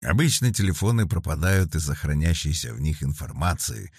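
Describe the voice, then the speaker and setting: A jovial male companion who likes to joke, as a man reads him in an audiobook, light and bantering. His very deep voice comes across dry and close. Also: lively intonation, a little fast, slightly rough, no room sound, full character voice.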